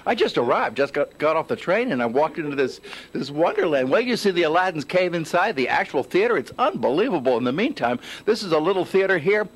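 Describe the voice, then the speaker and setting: A man's voice: on the high side, big pitch swings, low-quality recording. A man reporting live for a morning news show from inside a puppet theater, joking and theatrical. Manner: theatrical, playful, quick to joke. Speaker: TV field reporter. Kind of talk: lively on-location morning news segment.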